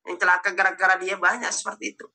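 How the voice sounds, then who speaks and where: A man's voice: sits high, little pitch movement, very fast, bright, forceful tone. A man, preaching informally in an online study session with jokes and trailing restarts. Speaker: Islamic preacher.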